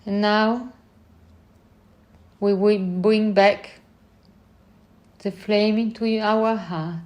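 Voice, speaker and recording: A woman guides a meditation at a very slow, drawn-out pace. Her voice sits at an ordinary middle pitch. She speaks calmly in short phrases, pausing long between them.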